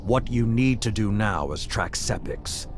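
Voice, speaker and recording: An actor playing a stern old warrior lord in a video game, commanding and deliberate in manner. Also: male voice, on the low side, animated. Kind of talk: cinematic video game acting. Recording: loud music under the voice. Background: loud game score.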